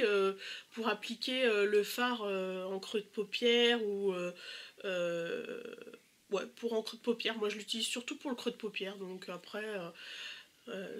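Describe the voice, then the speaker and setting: Bright-voiced chatty woman with a stuffy nose. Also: fairly high pitch. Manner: chatty and enthusiastic, many hesitations. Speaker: beauty vlogger. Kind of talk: casual makeup haul chat.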